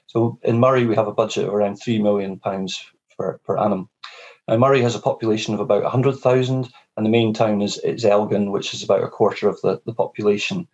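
A man with a low, husky voice lays out facts steadily for an online panel. His audio comes through a dull, lo-fi video call line. He sometimes repeats a word before moving on. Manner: steady, informative, some repeated words. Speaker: regional development area manager. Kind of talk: panel presentation.

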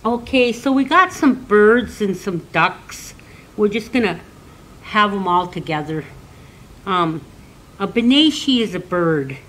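An older woman, an elder, slowly teaching children the names of animals and patiently repeating each word for learners. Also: medium pitch, lively intonation, a bit bright. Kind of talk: slow classroom teaching.

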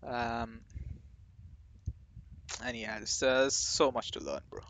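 This gaming channel host has a medium-pitched, sing-song voice with a slightly bright tone, and he speaks slowly. He rambles casually to the camera, full of fillers and false starts.

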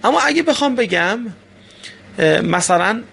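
A man's voice: high voice, expressive, gravelly, sharp tone, husky. A man teaching a language lesson, explaining patiently step by step with frequent hesitations.

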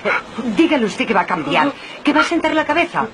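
A woman's voice: high-pitched, very animated, fast talker, background noise. An actress playing a kind, motherly woman who soothes a crying young man and ends up close to tears herself in a 1990s TV comedy. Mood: soothing. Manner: soothing, motherly, then tearful. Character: kind-hearted, weepy woman comforting a stranger.

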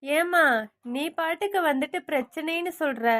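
A woman plays a grieving middle-aged mother in a family cartoon, pleading and lamenting. Her voice is high, and the recording is close and dry. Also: moderate pace, dry recording, lightly acted. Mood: distraught.

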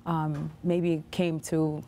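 A woman's voice: deep voice, little pitch movement, drawn-out words, warm tone, slight background noise. A young woman from Nigeria, a filmmaker and nurse, speaking earnestly with fillers in a studio interview on a lapel mic.

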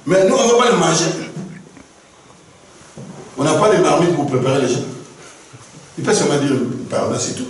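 A male preacher delivers an animated sermon, his high voice rising and falling as he acts out exchanges between people. He is heard from a distance in a very echoey hall. A faint hum sits under the recording. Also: normal speed, pauses often. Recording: echoey room from far off, faint noise.

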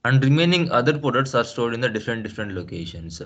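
A man talks through a screen-share tutorial at a middle pitch. He explains step by step, asks the listener questions and leans on "uh" and "I mean to say" as he restarts his sentences. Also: big pitch swings, fast talker, a bit bright, dull audio. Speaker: SAP trainer.

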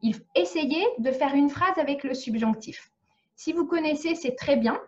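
A woman's voice: high-pitched, moderate pace, highs cut off, a little hiss or hum. A woman from France teaching French in a live online lesson, explaining patiently and checking often that students follow. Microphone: video call.

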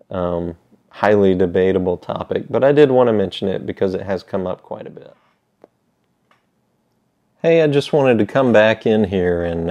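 In a small indoor room with shelves, a middle-aged pipe tobacco seller chats casually to camera in a laid-back, hesitant, rambling way, talking around the pipe in his mouth. His voice is low and darkish, and the recording is slightly dull and lo-fi.

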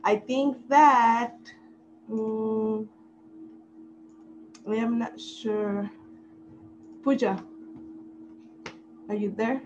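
A woman from Mexico speaks slowly and hesitantly, introducing herself as a student. The video call audio is slightly muffled with a faint hiss behind her. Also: on the high side, fairly even intonation. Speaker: student participant.

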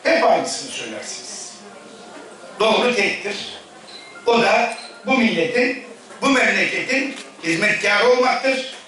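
Animated and forceful, a middle-aged politician delivers a bright, high-pitched rhetorical address to a party congress from a podium. Pauses separate his phrases, and the recording sounds distant and boomy, with the large hall's echo and room noise clearly audible.

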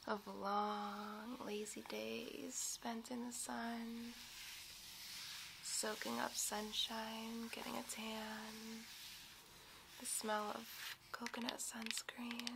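A woman whispering softly and slowly in an ASMR video, with tapping sounds on a coconut. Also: a little high, gravelly, noisy background. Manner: soft whispering, slow and soothing. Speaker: ASMR creator. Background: tapping and rubbing on a coconut.

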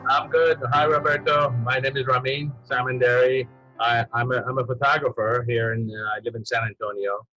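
A man's voice: medium pitch, fairly even intonation, fairly quick, sharp tone, soft background music. A man in his fifties from Iran, a photographer, talking hesitantly with many fillers and restarts on a video call from home. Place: home room with dark curtain. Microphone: video call computer mic. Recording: dull lo-fi video call audio.

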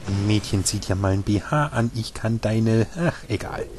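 A man's voice: fairly low pitch, normal speed, noisy background. A young man giving casual, sarcastic commentary while playing a video game, grumbling at his companion. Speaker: let's player.

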